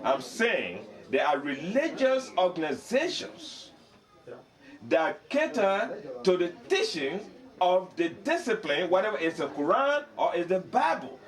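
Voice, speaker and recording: An older man speaks up at a community meeting in a slightly high voice. He is emphatic and passionate, repeats words as he drives his points home, and mixes a local language into his English. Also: very animated, unhurried. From Liberia. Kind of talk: impassioned meeting address.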